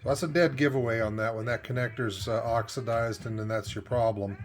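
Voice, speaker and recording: His mid-range voice is brisk with fairly even intonation, as this plain-talking technician shows an informal repair at an indoor bench. A cell phone camera records it, while a tape machine plays music nearby.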